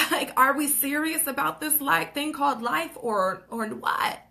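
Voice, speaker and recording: A woman's voice: sits high, a little slow, creaky, sharp tone. Fired-up woman giving a pep talk. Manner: urgent, preachy, exhorting with repeated calls to action; laughs between phrases, says "okay?" and "like" often. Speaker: motivational vlogger. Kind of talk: motivational talk on a book.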